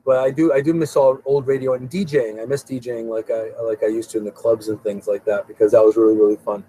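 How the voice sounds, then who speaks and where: A man's voice: medium pitch, level tone, fast talker, warm tone, no echo, poor audio. A middle-aged man hosting a live show in a casual, rambling way, often repeating his words. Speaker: host. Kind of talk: casual live-stream talk.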